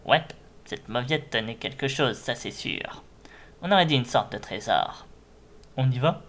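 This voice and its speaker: A man's voice: mid-range voice, expressive, measured pace, a bit bright. Man putting on a menacing game villain bully. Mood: menacing, scheming. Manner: menacing, sneering villain delivery. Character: scheming villain Pokémon bullies plotting to rob a weakling.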